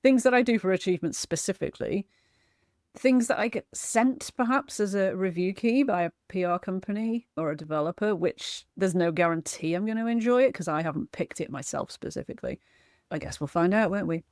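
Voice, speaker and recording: A woman's voice: medium pitch, a little fast, darkish tone, dry recording, clean studio sound. A woman chatting casually about games she played, self-deprecating and laughing often. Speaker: gaming vlogger and streamer. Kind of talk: casual chat reviewing games.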